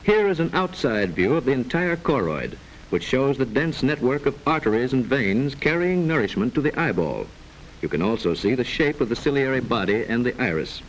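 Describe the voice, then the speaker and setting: A man delivers voice-over narration in the formal manner of a 1940s educational film, his medium-pitched voice rising and falling lively yet staying measured and instructive. Steady noise from the old soundtrack lies under his words, and the audio is poor.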